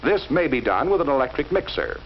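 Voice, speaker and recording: With a very animated delivery and a pitch that rises and falls widely, a man reads scripted narration for a 1940s educational film, explaining steadily and talking right to the viewer. The audio is muffled and lo-fi, with a slight hiss.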